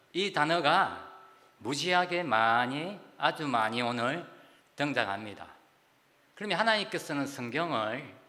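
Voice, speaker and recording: A middle-aged man from Gyeongsang with a Gyeongsang accent, preaching a sermon in a church and chatting warmly, often saying "ye" between phrases. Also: on the high side. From South Gyeongsang, Korea. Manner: warm, chatty preaching with frequent "ye" fillers. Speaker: pastor. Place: church sanctuary. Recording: long hall reverb.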